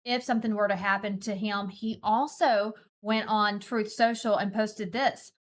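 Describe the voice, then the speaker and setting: A woman's voice: mid-range voice, fairly even intonation, measured pace. A woman hosting a morning news show, asking direct and pressing questions. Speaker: news host.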